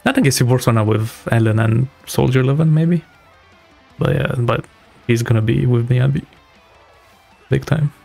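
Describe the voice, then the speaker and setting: Here a young adult male streamer talks through his live reactions casually, full of slang, right up against a close broadcast mic on a boom arm. The voice sits at medium pitch, dark in tone with vocal fry, moving at a moderate pace. It's a small room at home, with the watched video's music in the background.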